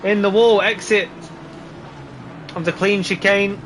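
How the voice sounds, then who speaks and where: Excitable guy doing live race commentary, high forceful voice, bit of background noise. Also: measured pace. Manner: excitable running play-by-play, exclaiming. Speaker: motorsport commentator on a sim racing broadcast.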